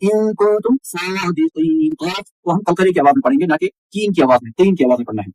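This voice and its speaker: Male tajweed teacher, high voice, dry close sound, spells out letters, chants slowly, corrects mistakes firmly. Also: animated, darkish tone, no echo, rough recording. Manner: spells out letters and vowels, then recites slowly in a drawn-out chant; corrects common mistakes with firm repeated "no". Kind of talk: step-by-step recitation lesson.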